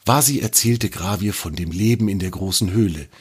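A man narrating a children's story in an expressive, lively reading voice. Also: sits low, normal speed, breathy edge.

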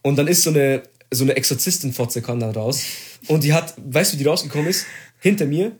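A young man in casual chat, telling a story with excitement, slang and swearing. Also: on the high side, brisk.

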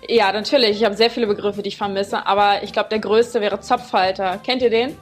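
A woman's voice: medium pitch, steady tone, fairly quick, faint music behind. A young woman with a Brandenburg accent, chatting casually and explaining things in a matter-of-fact way. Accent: Brandenburg German. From Brandenburg, Germany. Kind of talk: casual chat.

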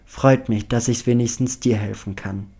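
A man reading aloud and voicing a blunt, teasing teenage girl with quick, wry remarks. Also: medium pitch, fairly even intonation, warm tone, lightly acted.

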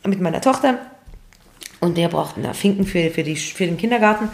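A woman, chatting casually and telling lively anecdotes, acting out the people in them. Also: lowish voice, brisk, vocal fry. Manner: lively, animated, acts out quoted people in anecdotes. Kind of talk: casual chat, storytelling.

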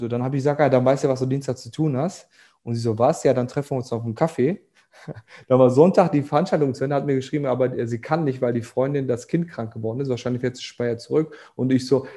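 Man, podcast guest, mellow voice, chatty storytelling, lots of fillers. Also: mid-range voice. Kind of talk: casual storytelling in a podcast conversation.

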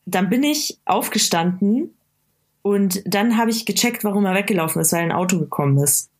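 A woman recounting a personal experience in a casual conversation, pausing often with fillers and starting sentences over. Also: mid-range voice, expressive, a little mellow. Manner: halting, many fillers and restarts. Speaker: interview guest.

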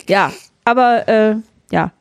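A woman's voice: medium pitch, smooth, no room sound, clean studio sound. A woman co-hosting a podcast in casual banter, teasing and playfully exasperated. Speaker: podcast co-host.

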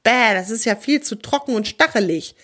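A woman's voice: fairly high pitch, moderate pace, a bit bright. A woman voicing a grumpy old male magic pony in a children's storybook, fussy and plaintive. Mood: grumbling.

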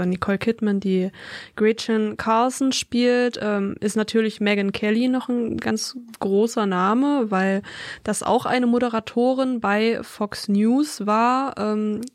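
A woman in a casual film review chat, talking at a middle pitch in a relaxed, chatty way and filling pauses with hesitation sounds. Her voice sounds close and dry, with no room around it. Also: no room sound. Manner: relaxed, chatty summarizing with frequent fillers.

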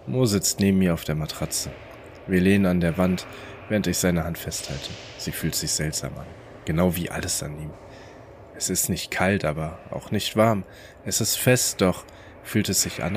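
Male narrator, very low voice, calm first-person storytelling, faint hiss.

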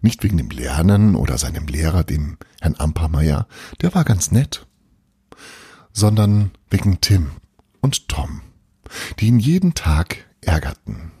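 A man reading a children's story aloud, expressive, with sound words and hushed suspense. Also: sits low, unhurried, husky, no echo, clean studio sound. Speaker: narrator.

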